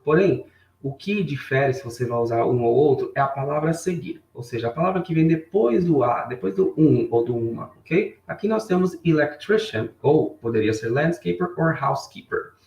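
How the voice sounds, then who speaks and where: A man's voice: on the high side, animated, darkish tone. Man teaching English, roomy distant mic. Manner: bilingual, repeats English phrases slowly for learners; chatty, greets chat viewers by name. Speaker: English teacher on a live stream. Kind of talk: live online English lesson. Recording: roomy sound, mic a bit far off.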